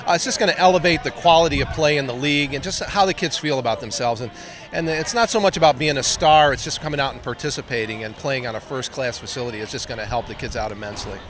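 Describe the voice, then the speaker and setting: A middle-aged man talks quickly and emphatically in a mid-range voice. He speaks into a handheld mic at an outdoor ballpark. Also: medium pitch, a bit bright. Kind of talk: casual interview answers. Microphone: handheld reporter mic.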